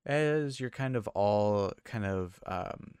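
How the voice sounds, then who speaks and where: A man runs a tabletop game with a low, smooth voice, narrating in a relaxed, unhurried way with frequent fillers. The sound is dry and close. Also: dry recording. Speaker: game master.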